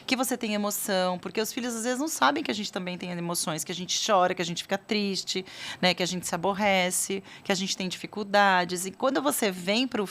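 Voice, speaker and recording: A woman's voice: mid-range voice, fairly quick, a bit bright. A woman guest, a parent educator, talking casually and acting out quoted conversations between parents and children. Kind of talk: casual interview talk.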